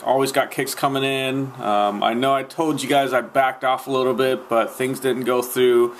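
Late at night in a small room, a young man vlogs about sneakers into a nearby webcam, wandering through his thoughts with frequent fillers and false starts. He speaks in a steady mid-range voice at a moderate pace, with a little background noise.

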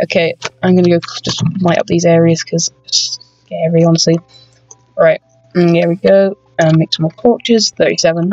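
Let's-play host, chatty and rambling with lots of ums, mid pitch, dull dry home mic. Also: a little mellow, dry recording. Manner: chatty, rambling, frequent ums, addresses viewers as people. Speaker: gaming channel host.

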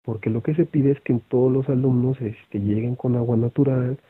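A man's voice: medium pitch, fairly even intonation, moderate pace, husky, no room sound. A man with a Mexican accent, a teacher giving a conversational online lecture to other teachers, with many fillers and tag questions. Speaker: teacher presenting an online session. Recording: phone-like thin audio.

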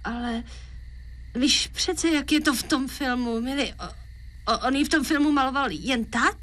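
Brief: sarcastic, needling woman, high, bright voice. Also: a little hiss or hum. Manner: teasing and sarcastic. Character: sharp-tongued, mocking woman.

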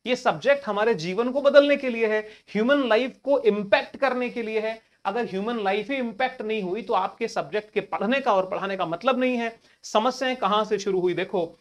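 A man's voice: sits high, fairly quick, few pauses. A male teacher giving an exam-prep lecture in a conversational way, often asking rhetorical questions and addressing students casually. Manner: colloquial address to listeners.

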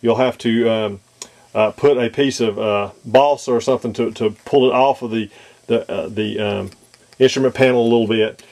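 A man talking through a model aircraft cockpit install at his workbench, off camera, pausing often with ums and restarts. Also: mid-range voice, fairly even intonation, darkish tone. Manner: hesitant, many ums and restarts. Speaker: model kit maker demonstrating installation. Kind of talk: casual how-to demonstration.

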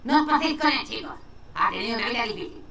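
A woman's voice: on the high side, animated, very fast, creaky, bright, forceful tone, slight background noise, exaggerated voice. An actress voicing a bossy, scheming young boy in a raccoon hero costume, in a video game dub. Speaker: team leader. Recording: game audio from a distance, echoey, music behind.

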